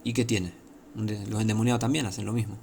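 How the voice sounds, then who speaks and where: Gravelly Argentine preacher. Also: male voice, on the low side, level tone, fast, darkish tone, a little hiss or hum. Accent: Argentine Spanish. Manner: emphatic, repetitive, many rhetorical questions. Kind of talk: sermon, informal teaching.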